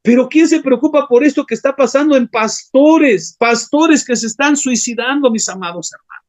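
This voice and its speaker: A man's voice: very high-pitched, moderate pace. A man preaching an impassioned sermon as a pastor, often calling his listeners brothers. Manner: impassioned, keeps addressing the congregation as brothers.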